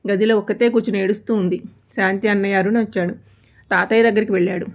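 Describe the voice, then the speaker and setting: A woman storyteller reads a family tale in a steady, plain way. Her voice sits at an ordinary middle pitch. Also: quick pace. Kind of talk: scripted story narration.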